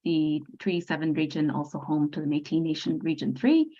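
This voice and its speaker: A woman from India with a notably deep voice speaks fluently and graciously as a panelist. Her audio is dull and muffled, coming through a video call. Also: brisk, warm tone. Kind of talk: casual talk show introduction.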